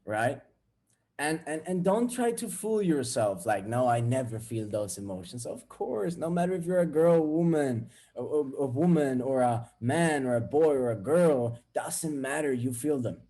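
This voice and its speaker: Blunt man, mellow voice. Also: fairly high pitch, animated, a little slow. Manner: candid, blunt and profane. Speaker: vlogger. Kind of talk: casual storytelling to viewers.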